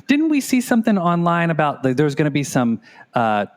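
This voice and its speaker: A man's voice: fairly high pitch, wildly swooping pitch, a little fast. A man co-hosting a podcast in casual chat, with a playful, teasing way of talking. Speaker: podcast co-host.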